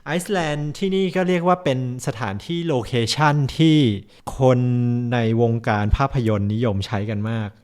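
A man from Thailand co-hosting a casual travel chat, talking in a relaxed, chatty way and stumbling over foreign place names. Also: on the high side, moderate pace, hardly any pauses, clean tone. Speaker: co-host.

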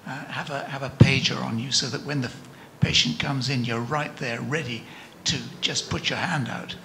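A man's voice: medium pitch, steady tone, normal speed, gravelly, bright, forceful tone. An older man in a conference audience, rambling through chuckling anecdotes into a handheld mic. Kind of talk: spontaneous question from the floor. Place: large conference hall, audience seating. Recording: noisy conference room.

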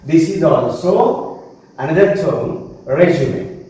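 Echoey high-voiced Indian English teacher. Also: male voice, expressive, slow pace, dark tone. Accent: Telangana Indian English. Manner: repeats definitions, asks and answers own questions. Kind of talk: online class lecture. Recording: very echoey room, mic far off.

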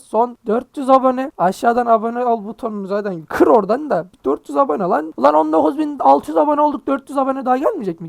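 A young man casually commentating his mobile football game pack openings, excitable and joking, groaning and swearing at bad pulls. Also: sits high, creaky, no room sound.

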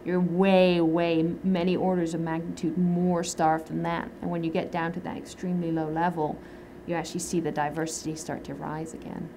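A woman's voice: on the low side, flat delivery, moderate pace, few pauses, mellow, slight background noise. A woman in her thirties, a microbiologist, explaining her research in a documentary interview in a lab, gesturing as she talks. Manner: explanatory, gestures while talking. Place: indoor lab.

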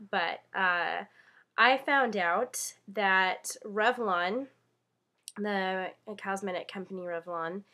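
A young woman vlogging to camera with a congested, nasal voice from a cold, halting with many fillers. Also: mid-range voice, fairly bright tone. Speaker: beauty vlogger. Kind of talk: casual chat to camera.

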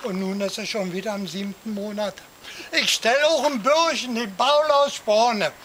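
A man reciting a rhyming comic poem for an audience, lively, jumping up in pitch for shouted cries. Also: a little slow, slight background noise, rough recording. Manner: lively storytelling, swings voice up for quoted cries. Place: outdoor garden theatre.

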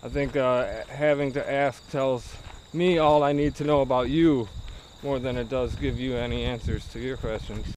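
A man's voice: mid-range voice, fairly even intonation, normal speed, darkish tone. A man in his thirties talking casually to camera on an outdoor adventure vlog, in short, offhand muttered remarks. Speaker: vlogger. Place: outdoors in overgrown prairie. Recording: noisy outdoors, insects and nature sounds. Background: crickets, insects, outdoor ambience.

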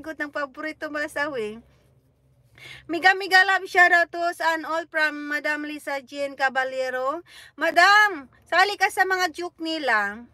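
A woman's voice: extremely high pitch, bright, forceful tone, dry recording. A woman hosting a livestream, chatting casually, teasing viewers and giggling as she reads their comments aloud. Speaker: livestream host.

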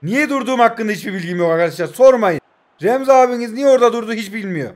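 A man in his twenties from Turkey talks over his own football match, joking and teasing as he plays. His voice sits high for a man, and he swings between muttering to himself and excited outbursts to viewers. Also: fast. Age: 20s. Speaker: gaming YouTuber. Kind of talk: live gameplay commentary.

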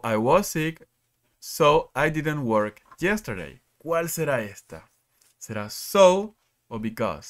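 Man teaching in a live class. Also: medium pitch. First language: Spanish. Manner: reads out students' answers and asks questions often. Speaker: English teacher.

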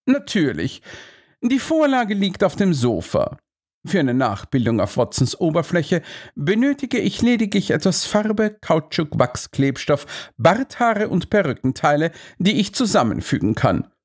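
Ein Mann, der in einem Hörbuch einen selbstbewussten, kühlen Meisterdetektiv spricht, sachlich und selbstsicher. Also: male voice, a little high, big pitch swings, a little slow, pitched above the performer's own voice, exaggerated voice.

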